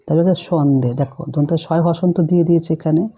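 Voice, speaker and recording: Speaking fast in a low, steady voice that is warm with a breathy edge, a woman teaches young pupils online. As a primary school teacher, she explains the lesson patiently, one step at a time, and keeps posing questions.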